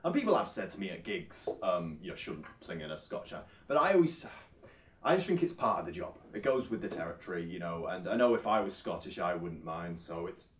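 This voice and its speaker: A man's voice: deep voice, lively intonation, a little fast. An actor playing an earnest, clueless male folk singer who rambles and hesitates through a mockumentary interview. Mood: rambling earnest. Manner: rambling, hesitant, full of filler sounds. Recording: roomy, distant sound.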